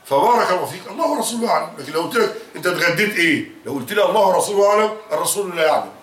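A man's voice: fairly high pitch, a bit bright, far from the mic, a little hiss or hum. A man with an Egyptian accent preaching in a mosque, animatedly quizzing his listeners and mixing formal and everyday Arabic. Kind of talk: mosque sermon with questions to the congregation. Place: large mosque. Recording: roomy, from off mic.

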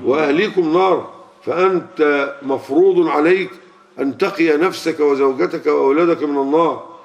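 A man with a fairly high voice and an Egyptian Arabic accent preaches a sermon to a gathering at normal speed. He speaks colloquially and often poses questions to the audience, captured on a lo-fi, muffled recording.

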